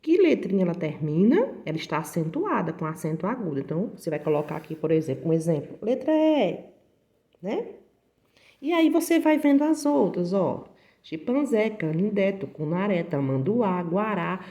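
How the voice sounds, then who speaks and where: A woman's voice: lowish voice, big pitch swings, normal speed, warm tone, highs cut off. A woman with a Brazilian Portuguese accent teaching a recorded online lesson, explaining patiently and talking to the pupils directly. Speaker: primary school teacher.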